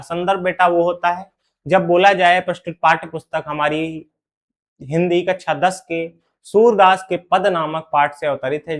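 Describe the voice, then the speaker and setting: A man teaching a poetry lesson to students, calling them "beta", asking questions and answering them himself, and chanting the verses slowly. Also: a little high, a bit bright. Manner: addresses students as "beta", asks and answers his own questions. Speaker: Hindi teacher. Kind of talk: classroom lesson explaining poetry.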